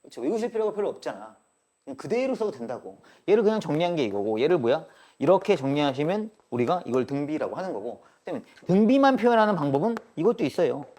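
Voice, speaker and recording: A male math teacher delivers a live classroom lecture in a fairly high, sing-song voice with a darkish tone. He constantly fires quick questions at his students and drills them with check-ins, switching between polite and casual speech.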